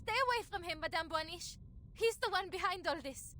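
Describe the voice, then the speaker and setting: A woman's voice: very high-pitched, brisk, sharp tone, a little hiss or hum. An actress voicing a distraught young woman investigator, grieving and defiant, in a game. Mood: accusing. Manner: pleading, shaken, accusing.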